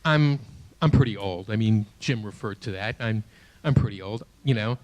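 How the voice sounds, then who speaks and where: Audience laughter backs a late-sixties comedian as he works a small theater stage in a lowish, darkish voice. He stumbles and restarts, mocking himself as he goes.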